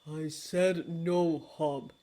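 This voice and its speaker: A woman reading the part of a solemn immortal male lord of dreams, in a grave, formal, hushed manner. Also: deep voice, steady tone, drawn-out words. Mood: stern.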